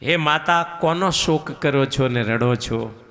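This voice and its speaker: A man's voice: mid-range voice, slow, creaky, fairly bright tone, pitched below the performer's own voice. A man voicing a lame male bull that grieves and pleads, asking question after question in an echoing hall with faint music. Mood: sorrowful questioning. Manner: long chain of sorrowful questions.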